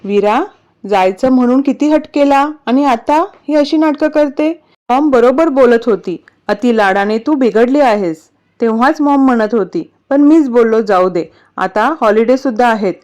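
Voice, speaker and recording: A woman's voice: sits high, a little slow, warm tone, voice pushed up. A woman voicing a young man who scolds his younger sister like a firm elder brother. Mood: scolding. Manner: scolding, stern.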